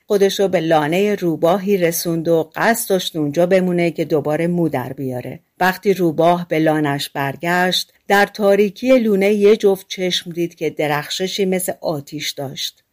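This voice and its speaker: A woman's voice: on the low side, a little mellow. A woman narrating fairy tales for an audiobook in a colloquial, conversational storytelling manner. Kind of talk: scripted fairy-tale narration.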